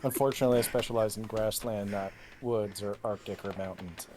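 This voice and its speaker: A man's voice: on the low side, fairly even intonation, fairly quick, crowd noise. A man playing a tabletop game, chatting casually and eagerly about plans. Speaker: player.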